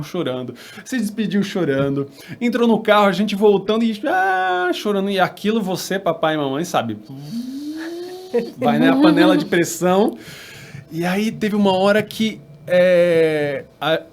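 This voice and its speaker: Brazilian man telling a story animatedly. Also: high voice. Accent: Brazilian Portuguese. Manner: storytelling, animated, acts out dialogue. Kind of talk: church podcast conversation.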